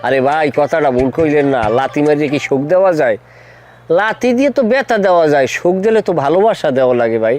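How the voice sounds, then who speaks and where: Brief: comic suitor, high and showy, mock-grand phrasing, Bangladeshi village accent, man playing. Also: animated, fast talker, darkish tone, smooth, soft background music, natural voice. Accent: rural Bangladeshi Bengali. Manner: mock-formal and boastful. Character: comic village lover, boastful and flowery.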